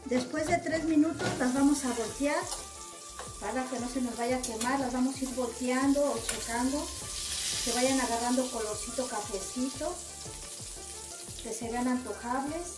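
Speaking at a moderate pace in a high voice, a woman with a Mexican Spanish accent narrates her recipes step by step as a home cook. Her casual delivery is homely and full of diminutives; music plays in the background of the roomy, echoing home recording.

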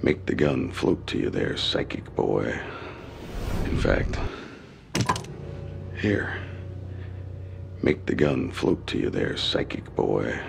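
A man's voice: extremely low pitch, lively intonation, very slow, creaky, pauses often, noisy background, heavily acted. An actor playing a mocking, menacing middle-aged man in a horror series, in a clip from the show. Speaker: TV series character.

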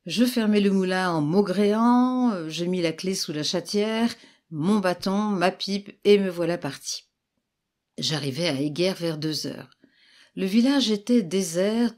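A woman reading a classic tale aloud as narrator, with expressive storytelling. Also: fairly low pitch. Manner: expressive storytelling with lively exclamations. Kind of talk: literary audiobook reading.

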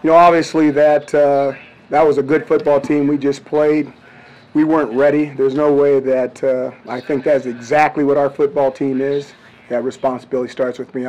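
A middle-aged man speaks as a head coach facing reporters after a game. He answers plainly and bluntly, in an even, mid-pitched voice. He is close to a cluster of table microphones in a press room. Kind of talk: postgame press conference. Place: press room before a branded backdrop.

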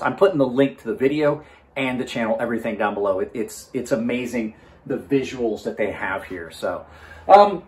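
A man in his forties hosts a knife review channel, speaking in a medium-pitched voice with a breathy edge. He reviews gear casually and without a script, chatting informally with his viewers.

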